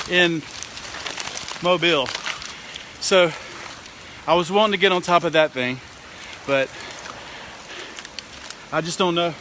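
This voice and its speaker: High-voiced Southern man in windy outdoor noise. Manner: folksy, excitable, exclaiming. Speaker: amateur weather reporter. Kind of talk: casual live storm report. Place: outdoors up a tree in wind and rain. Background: storm wind and rain.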